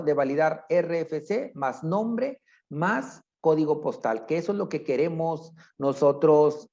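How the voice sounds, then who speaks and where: A man with a Mexican accent, a public accountant walking through a screen-share software tutorial step by step and often checking in with a quick tag question. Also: a little high, muffled recording.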